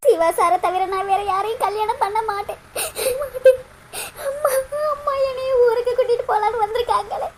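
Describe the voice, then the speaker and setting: A woman's voice: very high-pitched, normal speed, slight background noise. A woman voicing a heartbroken young woman in a cartoon, sobbing and pleading in Kanyakumari Tamil. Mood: heartbroken crying. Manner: sobbing, pleading, repeats her words. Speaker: cartoon character. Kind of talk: cartoon voice acting.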